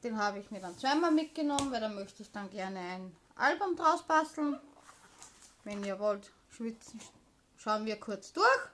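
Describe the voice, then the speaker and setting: A woman's voice: fairly high pitch, animated, unhurried, fairly bright tone. A woman chatting casually as a vlogger, showing purchases in an informal, explanatory manner. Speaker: craft haul vlogger.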